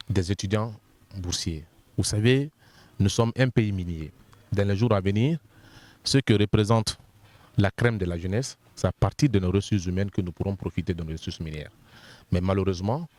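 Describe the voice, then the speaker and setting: In an interview, a man with a Guinean French accent who is an official of the constitutional body lays out points one at a time, occasionally repeating words as he searches. His voice sits low and is a little mellow, with no room sound.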